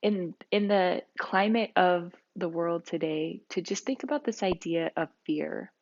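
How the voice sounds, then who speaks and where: A woman leading a guided yoga and breathing class, speaking calmly and slowly with soft-spoken guidance. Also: lowish voice, dull audio. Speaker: yoga instructor.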